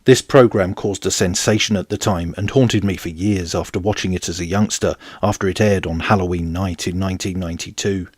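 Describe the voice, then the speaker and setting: A man in his forties giving measured, wry, scripted documentary narration as a history channel host. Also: low-pitched, fairly even intonation, a little mellow, breathy edge, no room sound, studio quality.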